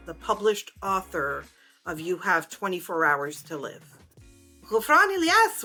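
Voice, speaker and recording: Slow, bright-voiced woman podcast host. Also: medium pitch. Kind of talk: interview.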